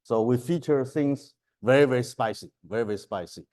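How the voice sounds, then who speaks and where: A man's voice: mid-range voice, fairly quick, darkish tone. A man in his fifties from China, giving a chatty university lecture in broken English on a clip-on mic and laughing often. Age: 50s. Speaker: professor. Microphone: clip-on lapel mic.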